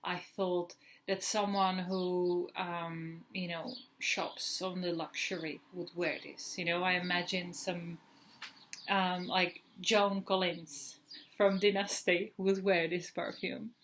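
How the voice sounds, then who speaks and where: A woman's voice: lowish voice, little pitch movement, slow, fairly bright tone, slight background noise. A woman in her thirties, originally from the Republic, chatting casually in a perfume review vlog, rambling with many fillers and restarts. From Czech Republic. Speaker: perfume vlogger.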